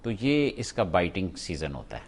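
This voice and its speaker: A man's voice: low voice, sing-song, a little hiss or hum. A middle-aged man with a Pakistani accent, a public health doctor explaining carefully as a guest on a studio talk show. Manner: measured, explanatory, listing examples.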